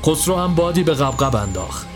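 Man narrating a horror story. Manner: steady storytelling, dropping low for tense moments. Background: faint music.

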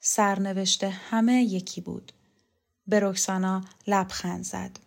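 A woman reads a literary novel aloud in calm, measured narration. Her voice sits at a middling pitch for a woman, steady and even in delivery. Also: vocal fry. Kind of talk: scripted audiobook narration of a novel.

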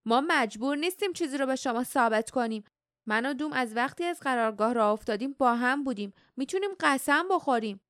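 A woman's voice: high voice, animated, a bit bright, no room sound, studio quality. A woman doing a proud, hot-tempered fighter. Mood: angry. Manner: angry, hurried.

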